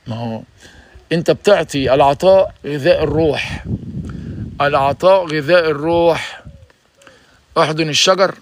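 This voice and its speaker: A man in his sixties with an Egyptian accent hosts a casual livestream and urges his listeners to focus on what he says. His voice is a little higher than most men's, and he rattles off his points at a quick clip. The sound is dry and close. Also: no echo. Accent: Egyptian Arabic. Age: 60s. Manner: energetic and preachy, urging listeners to focus. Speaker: livestream host giving health advice.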